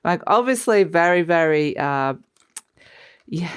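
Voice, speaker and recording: Smooth-voiced tarot reader, close and dry. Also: medium pitch, animated, slow pace, no room sound. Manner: conversational, encouraging, addressing the listener directly. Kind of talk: mystical horoscope tarot reading, casual unscripted.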